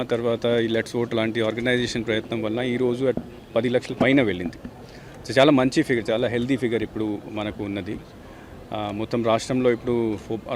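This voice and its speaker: Brief: calm official at an outdoor event, mid pitch, traffic noise around. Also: male voice. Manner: measured, mixes in English terms, some restarts. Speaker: election official. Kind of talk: interview statement to the press.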